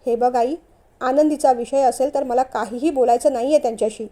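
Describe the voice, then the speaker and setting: Lady doing snappy annoyed husband, curt, high mellow voice, storybook. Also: normal speed, lightly acted. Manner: curt, sharp-tongued. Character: young husband, curt and resentful.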